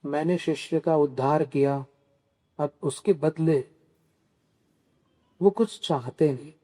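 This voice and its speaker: Slow, dark-voiced man teaching in a sermon. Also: a little high. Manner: slow, teaching, poses questions to listeners and answers them; carefully spells out pronunciations. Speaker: Jain monk giving a scripture discourse. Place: Kolhapur.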